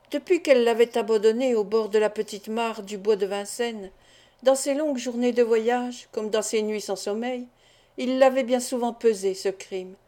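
Brief: female audiobook narrator, measured steady reading, fairly high mellow voice. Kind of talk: scripted narration of a classic novel.

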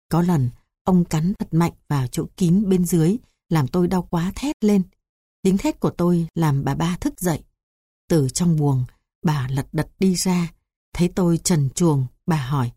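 A woman with a Southern Vietnamese accent reading her memoir aloud in a calm, even storytelling manner. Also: on the low side, slightly rough, dry recording, studio quality. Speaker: memoir narrator.

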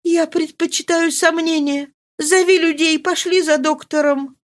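A woman voicing a grief-stricken young noblewoman, speaking high and pleading in trembling despair. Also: steady tone, unhurried. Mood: anguished. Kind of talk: audiobook character reading.

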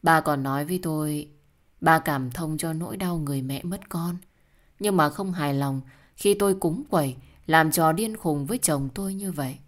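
A woman narrating an emotional first-person audio story in a soft storytelling manner. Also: low voice, normal speed.

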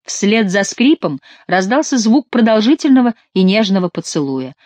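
Measured audiobook narrator, dry sound. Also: medium pitch, very animated, a little mellow, no echo. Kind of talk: scripted narration of a historical novel.

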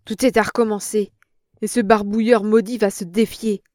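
A woman's voice: mid-range voice, steady tone, normal speed, a little mellow, no echo, clean studio sound, natural voice. A woman voicing a brutal, scheming male villain who barks harsh orders. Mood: furious, brutal.

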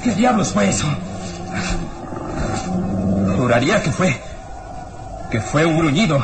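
An actor playing a terrified, wounded police inspector in a radio drama, panicked and halting, repeating himself in fear. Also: male voice, on the high side, big pitch swings, heavy background noise. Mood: uneasy fear. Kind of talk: melodramatic radio drama acting.

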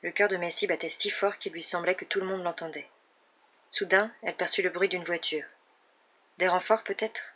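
A woman reader narrating a novel in an even, measured audiobook reading. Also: on the low side, husky. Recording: dull lo-fi recording.

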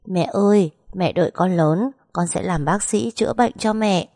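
A woman's voice: fairly low pitch, moderate pace, creaky, dark tone, no room sound, pitched above the performer's own voice. Woman voicing a little boy, pleading, tearful, dry close sound. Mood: earnest. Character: small boy comforting his sick mother.

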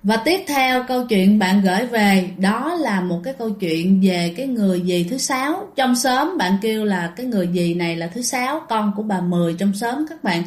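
A woman with a Southern Vietnamese accent telling ghost stories to listeners in a lively, animated way. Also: medium pitch, moderate pace, hardly any pauses. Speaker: ghost story narrator. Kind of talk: storytelling to listeners. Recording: echoey room.

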